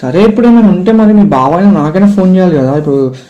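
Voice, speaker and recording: A young man with a Telangana Telugu accent, firing quick, pressing questions during a private call heard over a landline phone. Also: high voice, expressive, mellow. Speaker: caller. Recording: dull, muffled phone-line audio.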